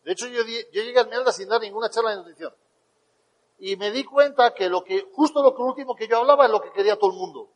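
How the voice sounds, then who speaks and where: This motivational speaker has a high voice and talks fast, delivering a storytelling talk to an audience. He's an animated narrator who performs the quotes, and a long hall reverb colors the sound.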